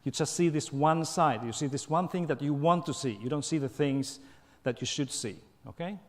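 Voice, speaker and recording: Male lecturer from Finland, slightly high-pitched, engaging and playful; long auditorium reverb. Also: moderate pace. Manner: lively and playful, coaxing the crowd, frequent "okay?" and "right?". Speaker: guest lecturer. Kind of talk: public lecture with audience participation. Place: large university auditorium.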